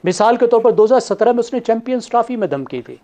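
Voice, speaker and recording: A man, a TV analyst laying out his points one by one in a measured way. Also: extremely high pitch, lively intonation, mellow. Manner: measured, lists points in order. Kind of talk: studio analysis.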